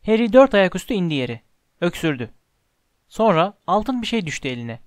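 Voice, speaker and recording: A man narrating a storybook aloud in a steady, measured reading voice, close to the mic. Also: sits high, dry recording. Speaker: audiobook narrator.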